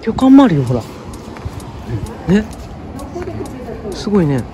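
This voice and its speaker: A woman's voice: lowish voice, slow, a little hiss or hum. A woman with a chatting and teasing her companion on a casual walking vlog. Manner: chatty, teasing, lively dialect banter. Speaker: travel vlogger.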